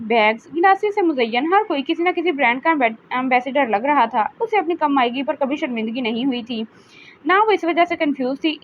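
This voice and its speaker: A woman reads a novel aloud in a high voice, narrating and speaking the characters' lines in her own voice. She stumbles now and then and restarts a word. The recording is a little dull and carries a faint hiss. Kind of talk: reading an audio novel aloud.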